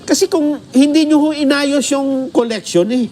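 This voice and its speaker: A man co-hosting a news program, giving casual commentary in a deliberate manner with pauses mid-thought. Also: very high-pitched, darkish tone. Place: TV news studio.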